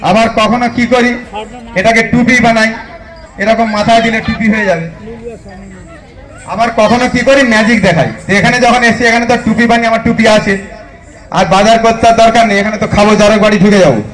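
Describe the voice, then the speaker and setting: A man's voice: high-pitched, fairly bright tone. A man with a West Bengal accent doing live magic show patter, chatting to the audience like a kids party magician. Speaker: stage magician. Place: live club function stage. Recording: echoey live PA with music.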